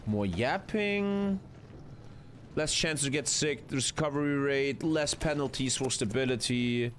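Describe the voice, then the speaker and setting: A man's voice: medium pitch, a little slow, a little hiss or hum. A man, streaming a strategy game live, chatting with his viewers and swearing casually. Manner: swearing, chatty, reading chat aloud. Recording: faint music behind.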